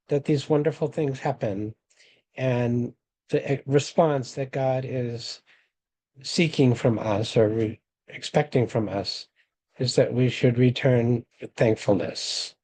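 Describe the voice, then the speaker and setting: A man presenting a webinar, reading scripture passages aloud in a measured, deliberate way and explaining them. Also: mid-range voice, mellow, rough recording. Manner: measured, reads quotations slowly and deliberately.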